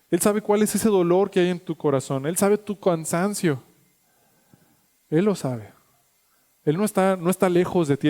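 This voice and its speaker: A high-pitched man preaching a Sunday sermon in a church. His voice rings with a long hall reverb, and it lifts and grows louder at the emphatic points. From Mexico. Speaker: pastor. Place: church sanctuary.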